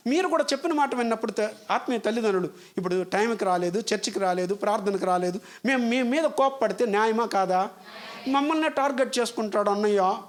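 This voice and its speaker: A male pastor preaches. He scolds and presses his congregation with one rhetorical question after another, in a firm, emphatic sermon voice. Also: very high voice.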